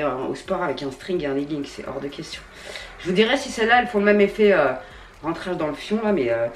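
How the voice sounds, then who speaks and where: A young woman vlogger chatting casually through a clothing try-on haul, slangy and swearing freely, swinging between excitement and grumbling. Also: low-pitched, distant mic, a little hiss or hum. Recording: echoey room, voice off-mic.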